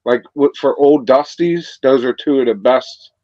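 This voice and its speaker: A man's voice: mid-range voice, a little slow, a little mellow, no echo. Enthusiastic sweary man, dull dry sound. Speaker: whiskey enthusiast. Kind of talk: casual chat.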